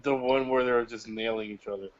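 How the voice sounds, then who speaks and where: A man's voice: mid-range voice, fairly even intonation, quick pace. A man joking crudely in a casual review chat. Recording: muffled lo-fi recording.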